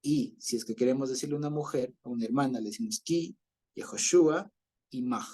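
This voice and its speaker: A man's voice: mid-range voice, a little fast, warm tone, breathy edge. A man teaching an online Bible class over a video call, explaining patiently, often checking in with listeners and chuckling as he goes.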